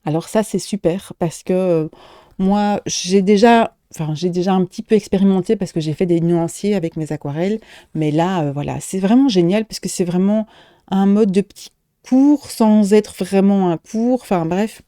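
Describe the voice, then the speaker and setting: A woman's voice: mid-range voice, moderate pace, warm tone, no echo, studio quality. A middle-aged woman shop owner chatting casually in a show-and-tell vlog, hesitating often with fillers and restarts.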